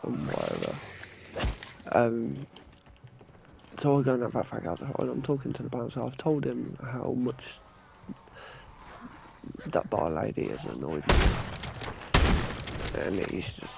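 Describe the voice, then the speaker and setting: A young man with a gravelly voice rambles through a story, swearing freely as he acts out both sides. He speaks slowly. Loud game gunfire rattles behind him. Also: medium pitch, noisy background. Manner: rambling, frequent swearing, animated retelling. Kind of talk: casual storytelling while gaming.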